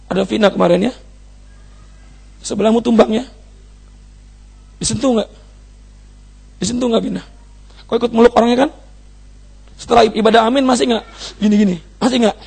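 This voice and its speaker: High-voiced gravelly preaching man. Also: moderate pace, pauses often. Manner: impassioned preaching, rising to shouts and cries. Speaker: pastor. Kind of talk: sermon.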